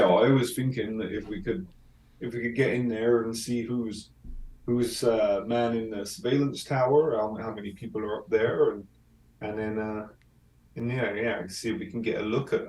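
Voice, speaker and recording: Halting man in an echoey room. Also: on the low side, steady tone, darkish tone. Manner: halting, thinking aloud. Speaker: player. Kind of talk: tabletop role-play chat. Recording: echoey room, far from the mic.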